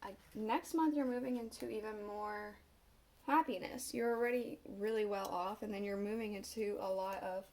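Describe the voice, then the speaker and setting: A woman with a congested voice, recovering from a cough, giving a casual tarot reading with halting pauses. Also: medium pitch, steady tone, a little mellow. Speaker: tarot reader.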